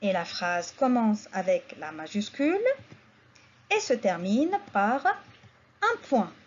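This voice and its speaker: A woman gives a beginner language lesson at a very slow, deliberate pace. Her pitch swings widely as she stresses and repeats each word. The voice is a little breathy, on a dull lo-fi recording. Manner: slow, repeats key words, lively teaching intonation. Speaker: French teacher.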